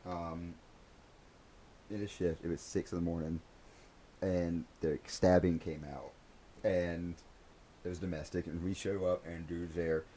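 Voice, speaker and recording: A man's voice: low voice, measured pace, long pauses, a little hiss or hum. A man and former police officer hosting a casual chat, telling stories with lots of energy and acting out other people's lines. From United States. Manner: animated storyteller, acts out voices in quotes.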